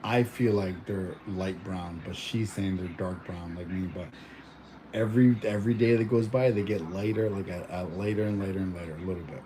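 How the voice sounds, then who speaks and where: A young Mexican-born vlogger chats casually at home, rambling with many fillers and restarts. His voice is low, brisk, and mellow, with a little hiss or hum in the audio.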